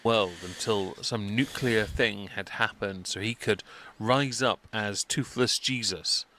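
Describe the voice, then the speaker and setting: A man's voice: lowish voice, takes it slowly, bright, forceful tone, a little hiss or hum. A man giving wry, wordy commentary as a political livestreamer.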